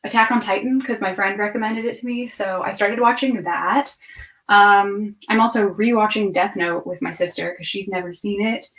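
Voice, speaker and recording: A woman in her twenties livestreams from a room at home with bookshelves, rambling and half-distracted while answering questions from viewers and thinking aloud. Her medium-pitched voice is steady and a bit bright at a normal speed, though the recording quality is low.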